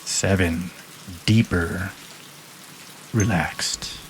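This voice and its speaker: A man guiding a listener through a hypnosis induction in a soft, calm, measured way with long pauses. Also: deep voice, slight background noise.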